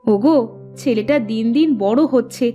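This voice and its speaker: Woman voicing a shrill nagging village mother. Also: moderate pace, mellow, muffled recording, soft background music, lightly acted. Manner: scolding, complaining, sarcastic. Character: nagging village mother, sharp-tongued and scolding. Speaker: cartoon voice actress. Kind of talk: cartoon voice acting.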